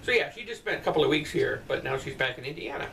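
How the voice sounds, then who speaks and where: Talking fast and very animatedly, a middle-aged man responds to viewer comments in a casual, rambling way, blunt and dotted with swearing. The voice is a little high, creaky and somewhat bright. He's in his bedroom at night, recorded on a distant mic with faint room noise in the background.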